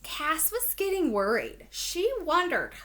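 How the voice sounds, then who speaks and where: In a high-pitched voice, a woman teacher reads a children's story aloud expressively and deliberately, stopping to ask her young listeners questions.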